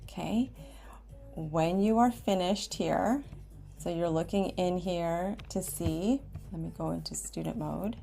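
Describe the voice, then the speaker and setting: Speaking slowly in a low, creaky, mellow voice over soft background music, this ESOL writing teacher from Washington State guides students through a computer lesson one step at a time. Her phrasing is simple and she often pauses to say "okay." The screen recording with webcam is made indoors at her computer.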